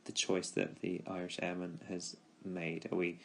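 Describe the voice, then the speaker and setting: A male teacher talking through a poem for his students, thoughtful and measured, pausing with ums and restarts, and giving quoted lines extra weight. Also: sits low, completely flat delivery, vocal fry, a bit bright. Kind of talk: spoken poetry analysis for students.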